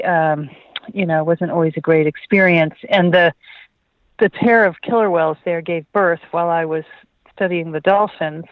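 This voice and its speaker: A woman scientist talks as an interview guest, unhurried and reflective, pausing and restarting as she tells her story. Her voice comes through a thin, phone-like line. There is no room around it at all. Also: on the low side, dry recording. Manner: thoughtful, storytelling with hesitations. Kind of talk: remote interview. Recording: tinny phone line, dry.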